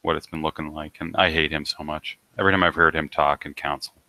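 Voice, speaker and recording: A man's voice: extremely low pitch, fairly even intonation, fast talker, bright, forceful tone, low-quality recording. A man co-hosting a casual podcast chat, joking and rambling with hesitant restarts. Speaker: podcast co-host.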